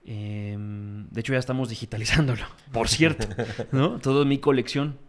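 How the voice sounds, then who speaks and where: A young man with a Mexican accent, a guest in a casual interview, telling stories in an animated, slangy way. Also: mid-range voice, normal speed. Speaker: guest, magazine founder.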